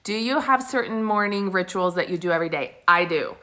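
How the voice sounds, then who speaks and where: Talking to her live stream audience in a chatty, casual way, a woman in her forties from Italy who works as a spiritual coach laughs often and uses many fillers. Her medium-pitched voice is expressive, brisk, bright, and forceful.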